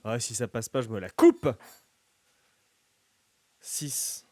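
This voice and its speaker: A man's voice: medium pitch, takes it slowly, a little mellow, no echo. A man chatting casually as a tabletop role-play player, jokey and thinking aloud, often repeating words. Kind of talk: casual game chat.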